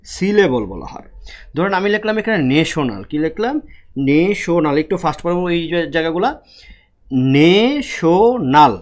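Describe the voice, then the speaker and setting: A man teaches an online class, and his voice sits fairly high for a man. He walks through words syllable by syllable, repeating his own questions and then answering them. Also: sing-song, moderate pace. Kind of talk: online lecture on Bengali prosody.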